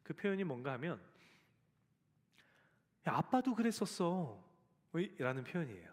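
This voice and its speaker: Male pastor, 40s, storytelling sermon, speaks straight to the congregation, lively pitch, reverberant church hall. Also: moderate pace. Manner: storytelling, acts out quoted voices; addresses the congregation directly.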